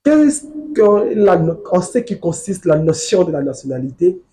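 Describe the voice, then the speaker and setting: A man's voice: high voice, very animated, normal speed, dark tone, slight background noise. A man from Congo, a legal researcher, lecturing in a studio political debate and insisting on finishing his point. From Democratic Republic of the Congo.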